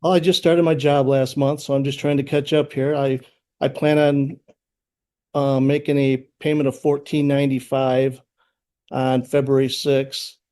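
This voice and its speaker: A man's voice: mid-range voice, flat delivery, a little slow, warm tone, smooth. An older male tenant answering the judge, polite and hesitant.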